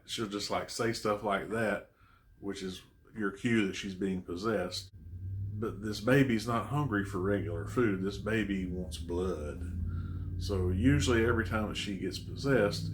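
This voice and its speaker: A man with a very low, deep voice talks through the plot of a horror film in a loose, rambling recap. His tone is conversational and amused as he retells each scene. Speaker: horror movie reviewer.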